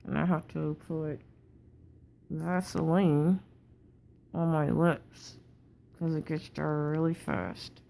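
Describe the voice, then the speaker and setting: A low, slow-talking woman speaks through a wired-shut jaw, her words muffled behind closed teeth. She is tired and sore, halting and effortful, with a gravelly creak in a casual video diary. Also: fairly even intonation, dark tone. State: tired, sore with swollen cheek. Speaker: patient recovering from jaw surgery.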